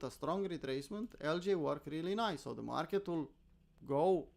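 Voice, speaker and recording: A Romanian crypto trader with a Romanian accent hosts casual live trading commentary, informal and self-deprecating, frequently asking his own questions and answering them. His voice sits on the high side and sounds creaky.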